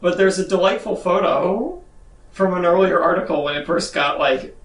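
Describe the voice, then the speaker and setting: A man's voice: sits high, normal speed, echoey room, far from the mic, low-quality recording. A man co-hosting a gaming news podcast, reading news items casually with lots of fillers. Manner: chatty, reads news items with frequent fillers. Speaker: podcast co-host. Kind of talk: casual chat.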